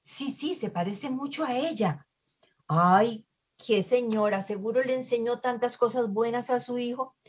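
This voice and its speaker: A woman's voice: on the high side, a little slow, husky, highs cut off. A woman voicing chattering sea-creature ladies gossiping admiringly. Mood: gossipy.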